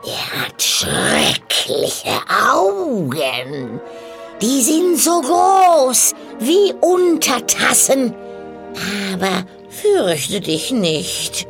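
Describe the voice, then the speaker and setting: A woman voicing an ugly, sly old witch with a croaking voice, in a cackling, drawn-out sing-song. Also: a little high, wildly swooping pitch, soft background music, pitched above the performer's own voice, full character voice. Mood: scheming. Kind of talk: storybook reading.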